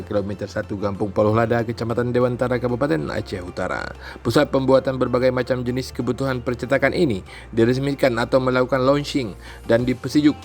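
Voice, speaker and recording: Male news narrator over music. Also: mid-range voice. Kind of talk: scripted promotional news narration. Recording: music bed behind the voice.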